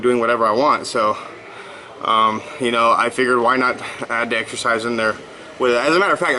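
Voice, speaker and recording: A man's voice: medium pitch, bright, forceful tone, slight background noise, low-quality recording. A man in his thirties talking casually in a vlog, rambling and upbeat with lots of fillers, just back from a workout. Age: 30s. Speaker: blogger.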